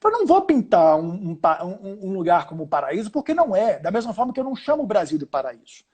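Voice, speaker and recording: High-pitched, very animated and fast, this Brazilian man's darkish voice has a breathy edge. A journalist guest on a video call, he chats casually in a Brazilian Portuguese accent, restarting often and leaning on fillers as he tells stories.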